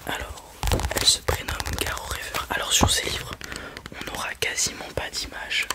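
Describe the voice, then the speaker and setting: Whispered role-play in a hushed library whisper, sex unclear. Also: normal speed. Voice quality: breathy unvoiced whisper. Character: helpful librarian recommending children's books to a parent.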